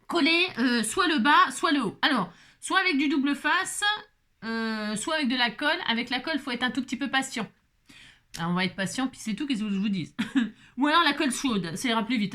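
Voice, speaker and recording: A woman's voice: fairly high pitch, bright, forceful tone. A woman hosting a craft tutorial, chatty and playful, talking to herself as she works and laughing often. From France. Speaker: craft video host. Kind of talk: casual craft tutorial talk.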